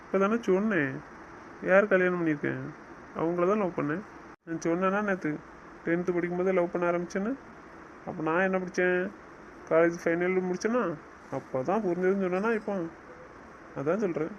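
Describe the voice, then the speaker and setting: A man's voice: high voice, brisk, long pauses, dull audio, slight background noise, lightly acted. A man playing a bossy, teasing young husband. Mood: playful. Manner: teasing, then stern and scolding. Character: young husband, teasing yet bossy with his new wife. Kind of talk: romantic audio drama.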